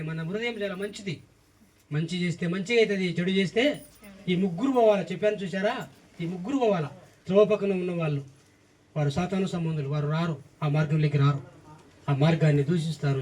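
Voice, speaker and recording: A man's voice: fairly high pitch, quick pace, a little mellow, recorded from a distance. A man preaching a sermon, emphatic, reeling off repeated lists and firing questions at the congregation.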